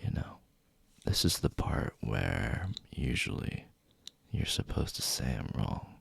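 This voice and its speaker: Casting: male actor as flirty bully leading man for whispered ASMR role-play; heavy vocal fry, husky, close dry sound, intimate taunting delivery. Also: a bass voice, sing-song, takes it slowly, dry recording, full character voice. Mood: seductive, commanding. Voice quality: husky, gravelly.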